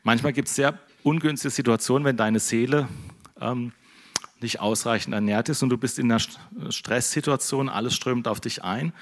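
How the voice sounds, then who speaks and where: A middle-aged man preaching a relaxed, conversational sermon and tagging his sentences with a questioning "ne?". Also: mid-range voice, moderate pace. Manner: conversational, keeps adding "ne?". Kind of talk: casual sermon.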